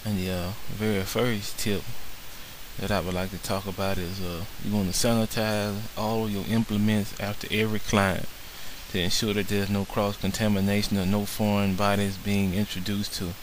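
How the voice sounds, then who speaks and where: A man's voice: lowish voice, flat delivery, normal speed, noisy background. A man narrating a slideshow lesson on barbershop sanitation in an earnest way, with many filler words. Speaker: barber instructor.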